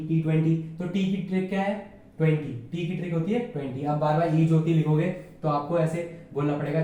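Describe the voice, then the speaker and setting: A man with a fairly high, mellow voice runs a casual exam-prep lesson, chatting familiarly and checking again and again that his students understand. He sits well back from the microphone in a bare, strongly echoing room. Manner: chatty, checks understanding often, calls listeners "yaar". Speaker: reasoning teacher. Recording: very echoey room, voice far from mic.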